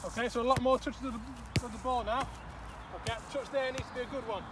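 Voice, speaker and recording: Football coach giving drill instructions outside, highish voice, mic a bit far off, street noise behind. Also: male voice, steady tone, quick pace. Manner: instructive, repeats okay and all right often. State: out of breath at times. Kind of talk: outdoor coaching demonstration. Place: outdoor pitch. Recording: distant mic, outdoor noise.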